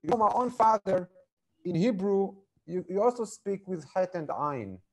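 A man's voice: high voice, animated, normal speed, poor audio. A man, a guest on a video call interview, talking hesitantly and repeating words as he searches for them.

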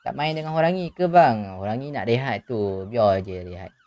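A chatty man, talking casually as he streams a game and calls out his viewers by name. His voice sits at an ordinary middle pitch, and the sound is dry and close with no room around it. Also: animated, normal speed, a little mellow, no echo. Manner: chatty, greets and thanks viewers, laughs often. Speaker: live streamer. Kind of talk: casual live-stream chat while gaming.

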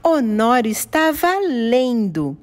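A woman reading a children's story aloud, with expressive, playful storytelling. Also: a little high, takes it slowly.

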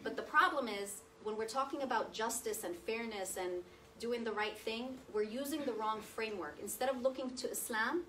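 Sitting at a table in a projector-equipped meeting room, a woman in her thirties gives a guest talk of personal testimony, keeping it conversational and frequently turning to her listeners. She speaks at a moderate pace with a fairly high, fairly bright voice. The far-off camera captures roomy sound from across the space, plus slight background noise.

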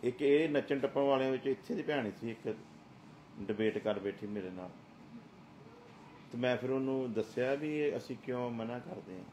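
A man's voice: mid-range voice, moderate pace, darkish tone, a little hiss or hum. A middle-aged man preaching a sermon as a pastor, emphatic and full of rhetorical questions.

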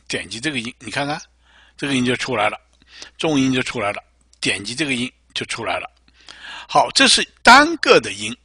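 A man teaching music notation software in a patient, step-by-step screen tutorial. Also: medium pitch, big pitch swings, fairly quick, husky, no room sound, clean studio sound.

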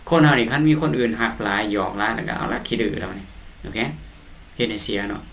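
With a Lao accent, a man teaches a class by translating an English storybook line by line, explaining patiently and slowly, reading the English aloud and repeating words. His voice is fairly low, creaky and fairly bright, with slight background noise.

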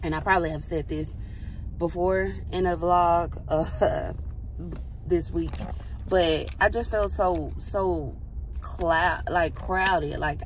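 A chatty woman with a fairly low voice vlogs from inside her parked car, talking casually to the camera. She's animated, laughs often and talks to herself. Her phone camera sits on the dashboard, and the low-quality recording catches car-cabin sound and outside noise.

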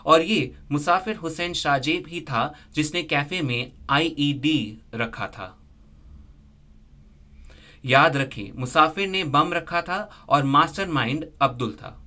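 A man reading a scripted news report as a voice-over, in a steady, measured way. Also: a little high.

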